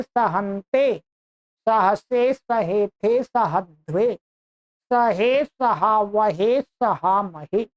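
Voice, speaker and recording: A woman teaching a language class, reciting verb forms one by one in a slow, deliberate chant for students to repeat. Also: on the high side, lo-fi sound. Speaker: Sanskrit teacher. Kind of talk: reciting verb conjugations in a lesson.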